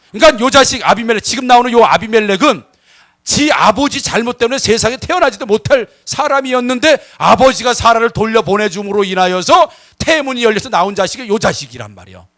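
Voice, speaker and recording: A male pastor preaching a sermon, telling the story with animated acted-out quotes and sudden shifts between loud and hushed speech. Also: high-pitched.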